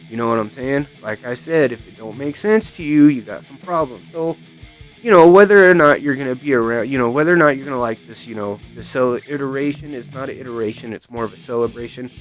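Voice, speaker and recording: A man rants at length in a casual, profane way, circling back on himself and filling the gaps with "you know what I mean". His voice sits at an everyday middle pitch. Faint music plays low behind him. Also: fast. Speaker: guitar vlogger. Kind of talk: casual rant to camera.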